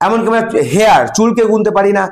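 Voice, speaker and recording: A man with a Bengali accent teaches a grammar class, walking his students through each step and pausing to quiz them. His voice sits high for a man. The classroom around him has a clear echo. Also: little pitch movement. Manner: explains step by step, quizzing students. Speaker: English teacher. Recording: echoey classroom.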